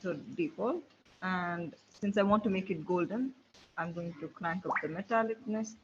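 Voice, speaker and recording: A man presenting a live software demo in a webinar, talking himself through each step as he clicks. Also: sits high, moderate pace. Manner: thinking aloud while clicking through a tool. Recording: dull lo-fi webinar audio with faint hiss.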